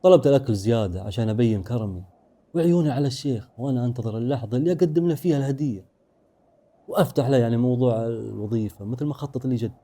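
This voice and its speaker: A man narrating a first-person horror story in a brisk, dramatic way. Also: mid-range voice, warm tone.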